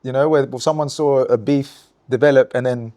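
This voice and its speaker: Mellow-voiced man telling stories. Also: mid-range voice, moderate pace. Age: adult, looking back on youth. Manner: animated storytelling, many restarts and "you know". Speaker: guest, breakdancer. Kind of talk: casual interview storytelling.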